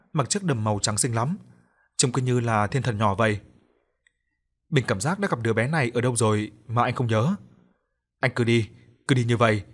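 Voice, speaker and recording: Man narrating a ghost story. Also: medium pitch. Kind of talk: scripted horror story narration.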